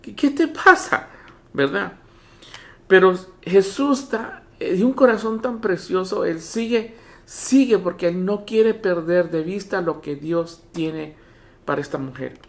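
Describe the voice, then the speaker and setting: A pastor preaching a Spanish-language sermon from a home church. The pastor talks in a lively way, acts out Bible dialogue and keeps asking the listeners whether they follow. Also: medium pitch, measured pace. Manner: animated, repeats "¿me entienden?" to the congregation.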